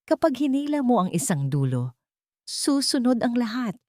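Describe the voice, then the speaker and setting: A woman voicing a calm, wise old weaving master. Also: very high voice, moderate pace, no echo, clean studio sound, pitched above the performer's own voice.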